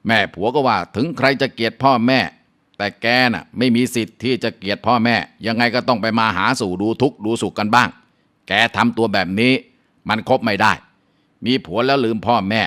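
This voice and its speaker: A man's voice: fairly low pitch, brisk, a bit bright, pitched above the performer's own voice, natural voice. A man voicing a harsh older mother-in-law in a folk tale, berating her daughter-in-law with contempt. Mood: scolding.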